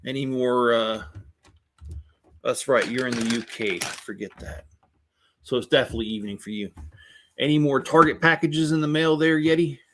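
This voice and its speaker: Hosting a laid-back Lego livestream, this middle-aged man talks at a moderate pace in a mid-range voice, leaving long pauses. There's a little hiss or hum behind him as he rambles, jokes, and pokes fun at himself with viewers.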